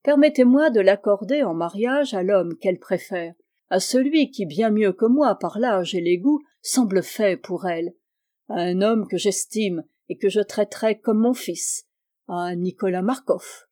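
Lady reading calm polite nobleman, measured, mellow warm voice. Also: mid-range voice, close to an everyday voice. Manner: composed and measured. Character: calm, courteous nobleman suitor. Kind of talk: audiobook reading.

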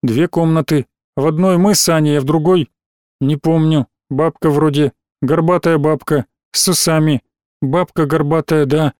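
A man voicing a big, slow-witted grown man on a chain, who mumbles in halting short phrases, as a character in an audiobook. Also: a little high, fairly even intonation, a little mellow, no echo, studio quality, natural voice. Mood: mumbling.

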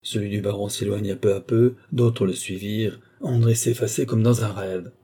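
Low, husky male narrator. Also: fairly even intonation, moderate pace, warm tone. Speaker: audiobook narrator. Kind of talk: scripted narration of a classic novel.

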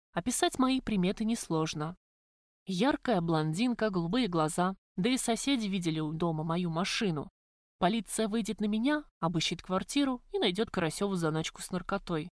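A woman narrating an audiobook in an even, steady storytelling voice. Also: mid-range voice, fairly quick, no echo, studio quality.

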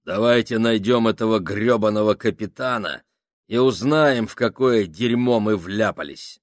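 A man voicing a tough, crude male foreman who barks orders and mocks roughly. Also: on the low side, moderate pace, no echo, studio quality, natural voice. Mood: commanding. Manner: rough, mocking, commanding.

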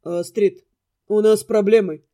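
A woman's voice: mid-range voice, fairly even intonation, measured pace, dark tone, pitched below the performer's own voice, close to an everyday voice. A woman voicing a grave older mentor. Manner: grave, hesitant. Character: worried former mentor, grave man.

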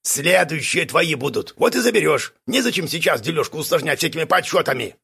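A man's voice: a little high, animated, brisk, gravelly, pushed and bright, slightly rough, voice pushed up, full character voice. A man voicing a sly, self-important male swindler who talks in a wheedling way. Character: sly big-eared male swindler, smooth-talking.

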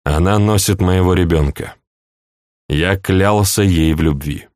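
A man reading an audiobook, voicing a dry-witted, blunt young count in a calm, wry manner. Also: sits low, measured pace, dry recording. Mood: measured.

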